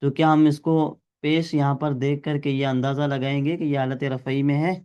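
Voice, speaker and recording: A man's voice: a little high, little pitch movement, moderate pace, a little mellow, clear, resonant tone, lo-fi sound. A male teacher giving a classroom grammar lesson, explaining step by step and quizzing his students.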